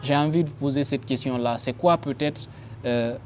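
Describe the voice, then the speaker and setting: A man's voice: mid-range voice, normal speed, a little hiss or hum. A young man interviewing a guest. He gives short acknowledgements and asks long, wandering questions. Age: young adult.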